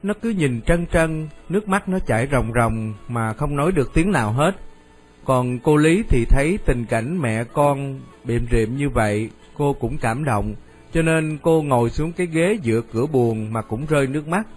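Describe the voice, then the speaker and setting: A man narrating a radio story in a steady storytelling manner. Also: mid-range voice, normal speed, faint music behind.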